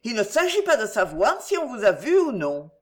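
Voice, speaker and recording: A woman's voice: on the high side, big pitch swings, moderate pace, a little mellow. A woman voicing a shy, troubled young woman torn by love, speaking with restrained, trembling earnestness in a storybook reading. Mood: agitated.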